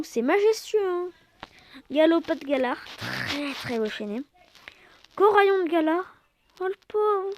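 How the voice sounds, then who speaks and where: A woman hosting a card-collecting channel, reviewing a new set in casual commentary, exclamatory, playful and self-mocking, sometimes loud and then dropping to soft asides. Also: high voice, no echo.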